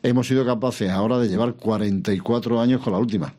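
An older man answering interview questions about politics in a measured, reflective way, pausing and restarting, asking himself questions. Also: medium pitch, fairly even intonation, warm tone. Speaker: interview guest, former regional president.

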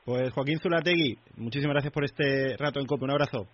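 Spanish radio host with a measured, hesitant delivery. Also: male voice, mid-range voice, dull audio, background noise. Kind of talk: radio sports interview.

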